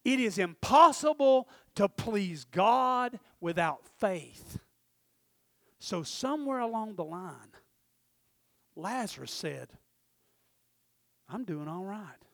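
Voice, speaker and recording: A middle-aged man preaching a sermon, swinging from shouted urgency to low, intimate asides. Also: big pitch swings, slow pace, creaky, long pauses, dry recording.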